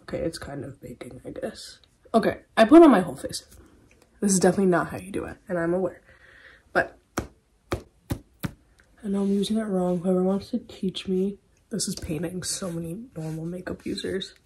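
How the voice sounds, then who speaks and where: A young woman chatting casually through a get-ready-with-me vlog at home, laughing often and slipping into soft whispers. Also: on the low side, a little fast, long pauses, a little hiss or hum. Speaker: beauty vlogger.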